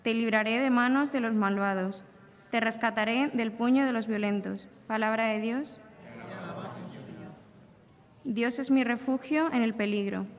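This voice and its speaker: A woman with a fairly high voice reads scripture at Mass in a slow, solemn cadence. Her words ring out through the long echo of a large shrine chapel, each phrase trailing off into the vaulted space. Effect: long cathedral-like reverb. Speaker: lector reading at Mass. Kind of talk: liturgical reading of scripture and psalm. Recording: echoey shrine chapel reverb.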